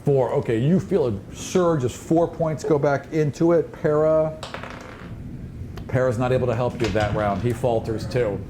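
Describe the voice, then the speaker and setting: Against noisy room ambience, a man narrates a tabletop roleplaying game on the fly, painting scenes vividly in a conversational tone. He speaks unhurriedly in a mid-range voice as the game master.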